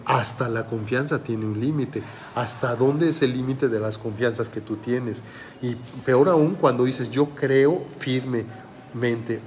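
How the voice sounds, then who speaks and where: A man's voice: mid-range voice, darkish tone, a little hiss or hum. Male life coach asking questions. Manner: asks rhetorical questions and addresses the listener directly; repeats phrases for emphasis. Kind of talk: motivational talk.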